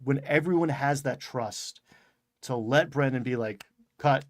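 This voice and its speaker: Man, medium pitch, animated and quick, swears casually, dry close recording. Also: no room sound. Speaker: podcast co-host. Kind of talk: casual chat.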